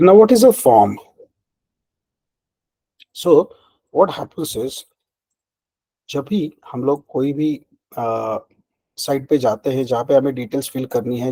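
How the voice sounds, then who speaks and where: A man's voice: mid-range voice, dark tone, low-quality recording. A man teaching web development in a conversational way, asking questions and then answering them himself, with frequent check-in words. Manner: mixes Hindi and English, asks and answers his own questions; conversational, frequent fillers like "ठीक है" and "ना". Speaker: programming instructor. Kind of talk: screen-recorded coding lesson.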